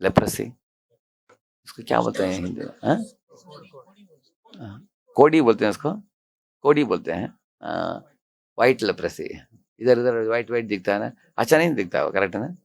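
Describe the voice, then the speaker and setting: Gravelly low-voiced male monk lecturing. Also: moderate pace, pauses often. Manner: animated, acts out quoted dialogue; asks the audience questions. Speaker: monk and temple president. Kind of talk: devotional storytelling lecture.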